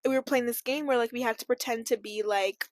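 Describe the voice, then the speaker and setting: On the high side and a little fast, her tone steady, this young woman co-hosting a podcast tells a meandering story full of fillers like "like," laughing frequently. There's no room sound.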